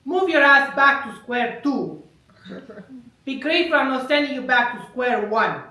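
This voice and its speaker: A man's voice: extremely high pitch, expressive, measured pace, sharp tone, very echoey, recorded from a distance, heavily acted. A woman playing a stingy male corporate boss who curtly dismisses an employee. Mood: dismissive. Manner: curt, dismissive scolding.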